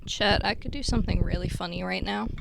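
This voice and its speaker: A woman's voice: lowish voice, fast, gravelly, noisy background. A woman streaming live, chatting casually to her chat and teasing herself with frequent giggles.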